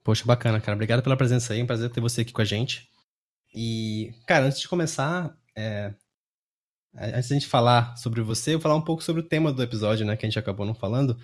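A man's voice: mid-range voice, quick pace. A man with a Brazilian Portuguese accent hosting a casual podcast interview. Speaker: podcast host.

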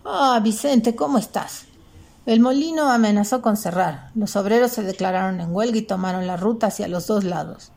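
Narradora de voz rasposa y oscura. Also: female voice, medium pitch, brisk, few pauses, dark tone. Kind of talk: storybook reading.

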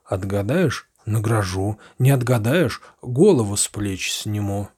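Imperious storybook tsar, stern and commanding, husky voice man narrating the part. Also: fairly low pitch, expressive, a little slow, darkish tone. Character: commanding male tsar, stern but generous.

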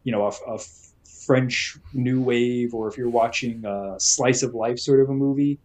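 A young man in relaxed podcast talk, voice sitting at an everyday middle pitch. He tells stories with animated emphasis and slips into the voices of people he quotes. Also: normal speed. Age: young adult. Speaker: podcast co-host. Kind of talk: casual chat.

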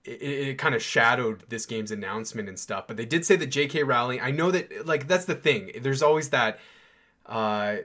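Excitable rambling male podcast host. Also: medium pitch, moderate pace. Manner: rambling, enthusiastic, many fillers and restarts. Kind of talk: casual chat.

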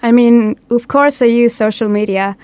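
A young woman from Estonia speaks in a fairly high voice with an Estonian accent. She talks casually, as a guest in a radio conversation. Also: moderate pace, a little mellow, smooth, no echo. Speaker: guest, youth project participant. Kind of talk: casual radio interview chat.

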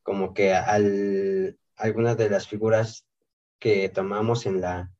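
A man's voice: lowish voice, level tone, slow pace, a little mellow. A young man hosting a student podcast in casual talk, hesitant and often searching for his words. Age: young adult. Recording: dull, lo-fi sound.

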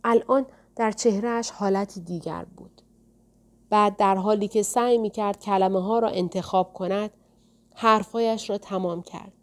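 A woman narrating an audiobook in a steady, measured reading voice. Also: mid-range voice. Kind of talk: scripted narration.

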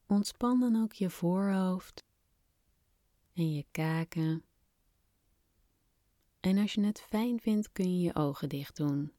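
A woman softly and soothingly guiding a breathing exercise in calm, unhurried scripted instructions, slightly breathy at times. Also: fairly low pitch, dry recording, studio quality. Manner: soft, soothing, unhurried instruction with long pauses. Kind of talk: guided relaxation exercise, scripted narration.

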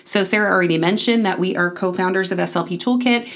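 A woman co-hosting a podcast in a playful, joking way, quick to laugh. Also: on the low side. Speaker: podcast co-host. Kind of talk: casual podcast chat.

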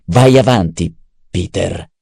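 A man voicing a cruel, mocking old baron in an audiobook, gruff and menacing. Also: sits low, slow, darkish tone, no echo, clean studio sound, heavily acted. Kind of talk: audiobook character voice.

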